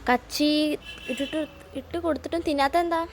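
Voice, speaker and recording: A woman's voice: sits high, a little fast. A woman vlogging casually while walking around her home garden, chatting to her viewers as she films on a phone. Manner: chatty, addresses viewers as guys. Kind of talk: casual vlog walkthrough. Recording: faint outdoor background noise.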